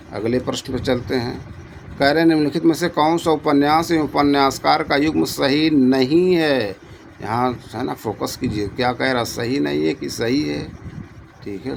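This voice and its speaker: A man's voice: medium pitch, gravelly, slight background noise. A man tutoring for Hindi exams, reading out quiz questions and repeating each answer to his students.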